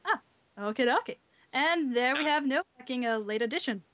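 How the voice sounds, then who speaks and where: A woman's voice: high-pitched, lively intonation, fairly quick, fairly bright tone, dry recording. A young woman hosting a casual podcast over an online call, giggly and steering the talk along. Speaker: podcast host. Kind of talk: casual group call chat.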